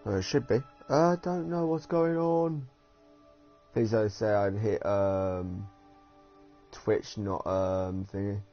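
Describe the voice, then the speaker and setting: A man's voice: fairly low pitch, fairly even intonation, takes it slowly, soft background music. A man from the UK giving rambling, giggly casual commentary while streaming a game. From United Kingdom. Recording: dull lo-fi streaming audio.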